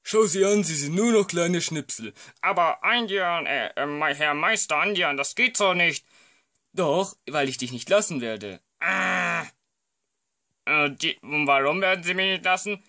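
A man's voice: animated, normal speed, sharp tone. Playful man switching voices. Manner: playful, jumps between voices with sudden pitch shifts; hesitant, many fillers. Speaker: amateur filmmaker voicing all characters. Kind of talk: homemade comedy film dialogue.

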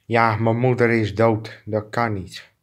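A man's voice: on the low side, level tone, slow pace. A man improvising a comic fan dub of two clumsy adult male neighbors who bicker, trading crude insults and swearing. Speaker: fan dubber.

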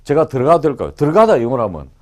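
Animated male English teacher lecturing. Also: mid-range voice, racing. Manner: animated and joking, quizzes the class. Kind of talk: lively classroom lecture.

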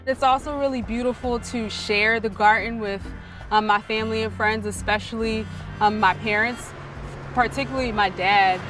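A woman's voice: fairly high pitch, steady tone, moderate pace, a bit bright, faint music behind. A woman in her thirties from Philadelphia, a research scientist, speaking reflectively about family and food. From Philadelphia, USA. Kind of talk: documentary interview.

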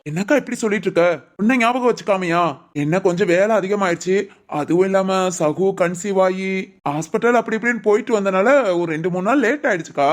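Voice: mid-range voice, fast talker, lightly acted. An actor voicing a friendly young brother in a Tamil cartoon, explaining himself earnestly.

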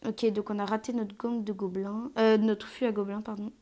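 Streamer woman, mellow tone, halting live game commentary on earphone mic, fillers and odd whispered asides. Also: medium pitch, flat delivery. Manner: hesitant, many fillers, drops to whispers at times.

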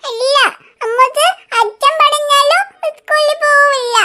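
A woman's voice: extremely high pitch, steady tone, unhurried, pushed and bright, slight background noise, exaggerated voice. A woman voicing a stubborn little girl in a cartoon who whines and half-cries as she refuses to go to school. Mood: tearful, stubborn. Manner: whiny, tearful pleading. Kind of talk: cartoon voice acting.

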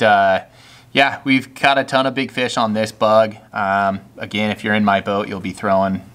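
A man working as a fly shop guide, talking through flies in a relaxed, chatty way with lots of fillers and restarts, recorded indoors at a table. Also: fairly low pitch. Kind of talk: casual product walkthrough.

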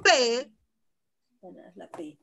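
Slow sing-song woman teacher on a video call. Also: fairly high pitch, very animated, gravelly, background noise. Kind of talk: online lesson for young children. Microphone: computer mic on a video call.

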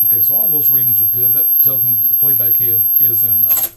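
At a small, cluttered indoor electronics workbench, a male host gives an unscripted, hands-on repair demonstration, walking through each step with hesitant pauses. His voice is medium in pitch. Equipment sounds fill the noisy workshop recording.

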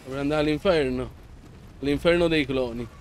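A man hosting a let's play, commenting excitably and yelling and pleading at the boss. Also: mid-range voice, moderate pace, a little hiss or hum. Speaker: gameplay channel host.

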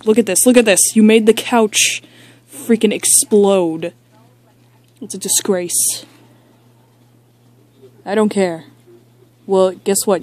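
A girl voicing a boastful, deadpan dad toy who hosts a chaotic talk show in an amateur toy skit. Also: mid-range voice, natural voice. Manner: slow, boastful, deadpan rambling. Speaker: talk show host figure.

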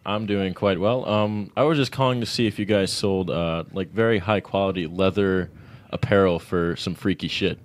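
A man's voice: low voice, moderate pace, slight background noise. A man making a prank phone call, speaking into a phone held away from the studio mic, so his voice comes across distant. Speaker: prank caller.

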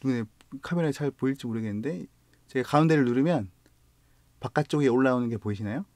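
A man with a Gyeongsang Korean accent and a medium-pitched voice reviews guitar gear in a casual product vlog, recorded without echo. He explains things in a relaxed way, though he's a little halting and sometimes corrects himself partway through a word.

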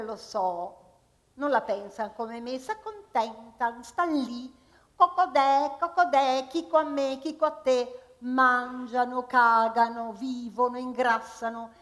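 A woman's voice: sits high, a bit bright, voice pushed up, exaggerated voice. Woman playing a clucking hen who craves stardom. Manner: clucking, comic sing-song rhyming delivery. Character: restless hen who dreams of being an actress. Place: stage in a hall before an audience. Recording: live hall with long reverb.

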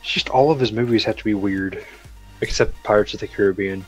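A man's voice: fairly low pitch, fairly quick, soft background music. A man chatting casually as a guest on a gaming stream, rambling with lots of fillers and laughing often. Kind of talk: casual chat.

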